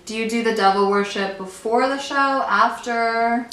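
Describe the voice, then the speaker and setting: A woman's voice: a little high, steady tone, fairly bright tone. Chatty woman host in an echoey room. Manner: chatty, laughs often, quick asides. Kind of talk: casual chat. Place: friend's home.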